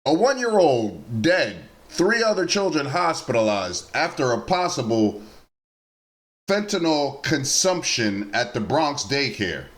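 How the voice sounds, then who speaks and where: A man's voice: medium pitch, big pitch swings, unhurried. A man who hosts a news commentary vlog, reading reports aloud and breaking off into blunt, informal asides to viewers he calls his nieces and nephews. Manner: reads the reports, then adds blunt personal asides.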